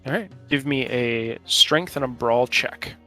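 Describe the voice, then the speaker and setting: A man acting as game master, narrating and refereeing a tabletop role-playing game in an informal, halting way. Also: mid-range voice, bright, forceful tone, faint music behind, low-quality recording. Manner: informal, halting while checking rules.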